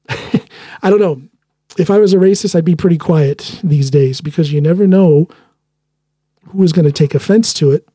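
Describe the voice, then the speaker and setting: A man with a slightly high, mellow voice and a breathy edge hosts a solo podcast, recorded at studio quality with no echo. He speaks earnestly in a loose monologue, often restarting his sentences. English is his first language.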